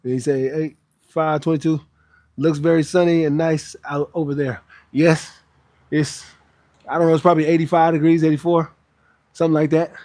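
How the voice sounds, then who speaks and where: Higher-voiced man livestreaming his pull-up workout. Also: flat delivery, normal speed, long pauses, darkish tone, dry recording, studio quality. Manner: talking between sets of a pull-up workout. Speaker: fitness trainer hosting a live workout stream. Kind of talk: casual livestream chat with viewers. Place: outdoors under a roof.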